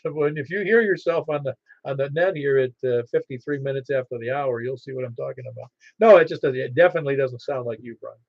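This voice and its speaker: A man acting as net controller on amateur radio, calling for check-ins haltingly and repeating call signs in phonetics. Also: medium pitch, creaky, no room sound. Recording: dull, band-limited ham radio audio.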